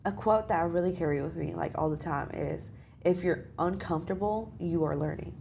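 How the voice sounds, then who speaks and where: A woman's voice: fairly low pitch, fairly quick, creaky, dark tone, a little hiss or hum. A young American woman, a student, chatting casually in an interview with lots of filler phrases. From United States. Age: young adult. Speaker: study abroad student guest.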